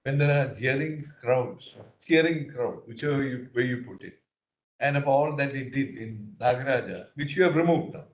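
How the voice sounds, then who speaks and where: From the bench, a male judge with an Indian English accent questions counsel in a hesitant way, his speech full of fillers. His voice is mid-range and his pace normal. The courtroom audio is echoey.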